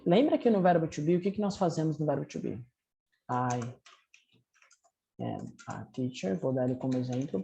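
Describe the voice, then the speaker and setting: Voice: mid-range voice, darkish tone. An English teacher with a Brazilian Portuguese accent explains grammar patiently, step by step, and checks in with students often. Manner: reads English drill sentences slowly and clearly. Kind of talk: recorded language lesson.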